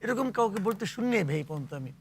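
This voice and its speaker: Older man, blunt talk-show commentary, high voice, quick delivery. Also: big pitch swings, breathy edge. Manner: blunt, scornful, halting restarts. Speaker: political commentator.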